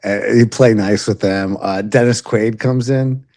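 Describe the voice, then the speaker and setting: A middle-aged man with a Long Island New York accent chats casually as a podcast co-host. His voice sits fairly low, and he rambles, stumbles over repeated words and laughs as he goes. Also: steady tone, unhurried, a little mellow. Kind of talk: casual chat.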